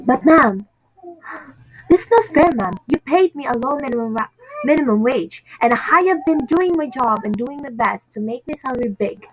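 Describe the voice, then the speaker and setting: Husky-voiced woman as a devoted single mom. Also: high voice, expressive, moderate pace, poor audio. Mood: pleading. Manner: earnest, emotional. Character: struggling single mother, devoted and determined. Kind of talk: amateur audio drama acting.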